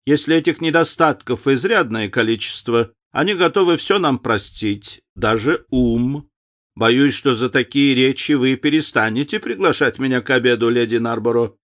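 A man voicing a witty, cynical aristocratic gentleman who drawls out epigrams. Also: medium pitch, normal speed, natural voice. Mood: wry.

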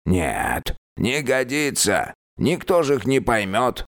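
A man voicing a dead, mummified old king who is cheerful and curious, speaking slowly and drawing out his words in an audiobook reading. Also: mid-range voice, big pitch swings.

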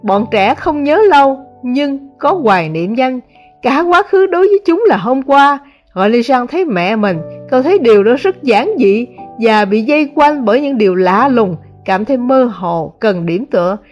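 A woman narrating a translated novel as an audiobook, in a measured, dramatic reading. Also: a little high, lively intonation, darkish tone, faint music behind. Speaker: audiobook reader.

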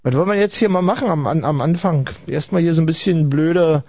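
A man's voice: fairly high pitch, fairly quick, a little mellow, dry recording. A man hosting a late-night call-in radio show, rambling ironically and chatting with callers. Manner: rambling, ironic, addresses listeners as kids. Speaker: radio host.

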